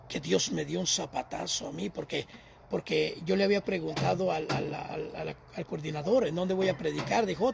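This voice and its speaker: A man's voice: on the high side, vocal fry, a little hiss or hum. A man preaching a sermon as a lay missionary, telling a personal testimony and repeating phrases for emphasis.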